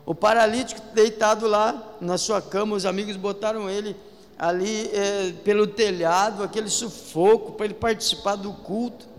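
A man's voice: high voice, steady tone, normal speed. A man with a Brazilian Portuguese accent preaching a sermon as pastor, emphatic and calling out to the congregation. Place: church hall. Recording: echoey hall with faint music.

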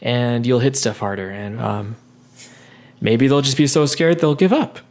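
A man playing a tabletop game, chatting casually and hesitantly with many pauses and restarts. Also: mid-range voice, darkish tone.

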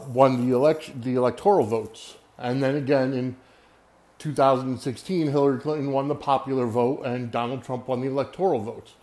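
An American man hosting a podcast, talking unscripted on his own in a rambling, halting way, often searching for his words. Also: mid-range voice, a little mellow. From United States. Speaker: podcast host. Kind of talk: unscripted solo podcast monologue.

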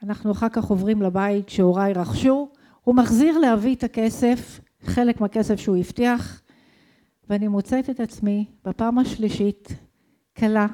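A woman's voice: mid-range voice, dark tone. A middle-aged woman from Israel, telling her own life story in an intense, emotional way and asking herself questions. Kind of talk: dramatic personal storytelling.

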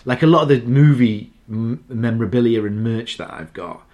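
Through a muffled recording, a man with a medium-pitched, darkish, expressive voice talks at normal speed. Co-hosting a podcast, he chats loosely about a TV episode, cursing freely and performing the quotes.

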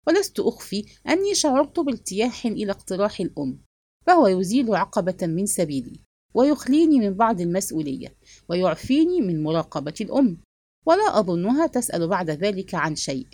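A woman giving an expressive literary narration of a novel as an audiobook reader. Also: medium pitch, quick pace, no room sound.

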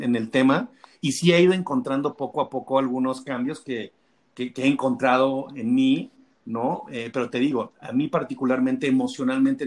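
Man, hesitant, reflective, mid-pitched, casual chat. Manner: hesitant, searching for words. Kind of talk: casual conversation.

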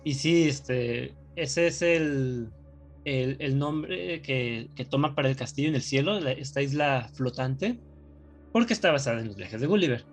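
A man's voice: mid-range voice, animated, measured pace. A man in casual chat, explaining a film in a joking, rambling way. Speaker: podcast co-host.

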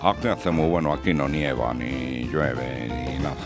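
A man's voice: a bass voice, measured pace, over loud music. A man from Spain, bantering on a radio show and telling bawdy jokes in a playful storytelling manner. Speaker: co-host and joke teller.

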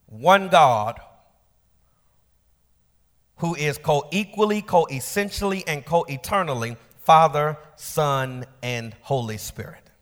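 A man preaching a sermon as pastor, swinging from shouted peaks to quiet asides with casual turns of phrase. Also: fairly high pitch, expressive, takes it slowly. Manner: colloquial asides. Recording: long church hall reverb.

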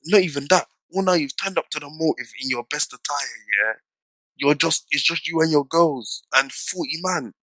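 A man's voice: a little high, moderate pace, bright, forceful tone, no room sound, low-quality recording. A young man with a London roadman accent, chatting casually and giving opinions in heavy slang, often checking the listener follows. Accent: London roadman, multicultural urban London slang. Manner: slangy, punctuated with check-in tags. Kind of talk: casual chat, debating opinions.

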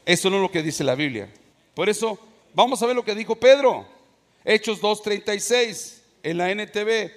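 A male pastor, preaching an emphatic sermon with sudden swings in loudness. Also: high-pitched, lively intonation, moderate pace. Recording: long hall reverb.

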